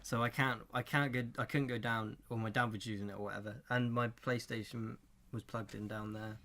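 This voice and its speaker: A man with a bright, sharp voice chatting on a podcast. He rambles through long excuses, laughs easily, and sounds a little sheepish. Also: lowish voice, fairly even intonation, fairly quick. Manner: rambling, apologetic, giggly. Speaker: podcast co-host. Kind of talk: casual chat.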